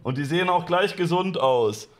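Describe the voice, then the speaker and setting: A young man with a high voice for a man comments on a clip over his stream. He mocks what he hears, swears, and laughs a lot. His delivery is loose and sarcastic. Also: lively intonation, moderate pace. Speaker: streamer reacting to a talk show clip. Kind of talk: mocking live-stream commentary.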